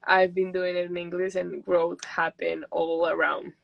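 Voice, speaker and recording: A woman's voice: lowish voice, flat delivery, unhurried, vocal fry, dry recording, lo-fi sound. A young woman from Peru, a native Spanish speaker, chatting casually and laughing often as an interview guest. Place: houseboat.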